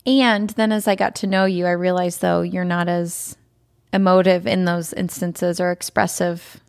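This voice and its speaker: A young woman recounts a story on a podcast in an animated, chatty way. Her voice has a gravelly creak, and the sound is dry and close. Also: lowish voice, normal speed, no room sound. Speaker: podcast guest, host's wife. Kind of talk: casual conversational storytelling.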